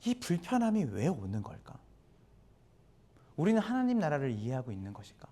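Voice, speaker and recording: A man's voice: on the high side, wildly swooping pitch, a little fast, warm tone. A male pastor giving a sermon in a church, chatty and conversational, often putting questions to the congregation. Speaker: guest pastor. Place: church sanctuary.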